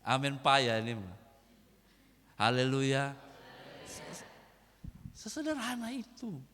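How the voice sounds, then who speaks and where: A man's voice: mid-range voice, huge pitch swings, slow pace, fairly bright tone. A man with a Kupang accent preaching a sermon in a church, emphatic and slipping into local slang. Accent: Kupang Malay. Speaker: pastor. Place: church hall. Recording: echoey church hall.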